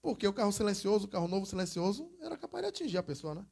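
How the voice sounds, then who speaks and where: A man preaching in a church, teaching through lively anecdotes and acted-out quotes in a casual, conversational way. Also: high voice, racing, gravelly, breathy edge. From Brazil. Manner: conversational storytelling, acts out quoted voices, exclamatory. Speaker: evangelist preacher. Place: church hall.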